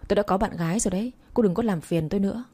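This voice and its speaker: A woman's voice: mid-range voice, rapid-fire, mellow, husky, lightly acted. A woman reading the lines of a cold, arrogant young man in a spoken romance story, in a curt and dismissive manner.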